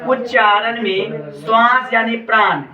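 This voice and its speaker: A high-voiced man leads a lively class, calling out questions and echoing the students' replies. He sounds distant in an echoey classroom, with the class audible around him. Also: slow, dull audio, crowd noise. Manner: asks the class questions and repeats their answers. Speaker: Hindi grammar teacher. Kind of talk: classroom lecture with call-and-response.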